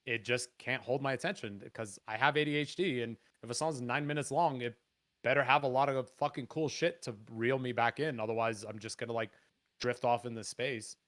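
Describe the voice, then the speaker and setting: This is a Canadian man, a musician guesting on a podcast, whose voice is raspy and deep. He chats casually but animatedly, dropping swear words freely and speaking in quick flurries of excitement.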